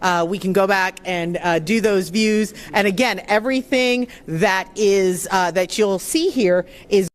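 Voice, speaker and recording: A woman's voice: medium pitch, measured pace, hardly any pauses. A woman hosting a live event off the cuff, chatty and casual as she improvises for the guests. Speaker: event host.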